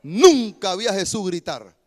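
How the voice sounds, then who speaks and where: A male pastor preaching a sermon, building to shouted lines and then dropping to a quieter, joking tone. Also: high voice, big pitch swings, measured pace.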